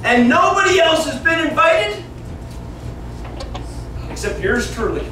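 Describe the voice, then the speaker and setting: A man in his fifties teaches children in a small indoor classroom, telling a Bible story theatrically in plain, simple words and acting out the dialogue. His voice is very high-pitched and very animated, at a measured pace. A camera several metres away picks him up with roomy echo and room noise.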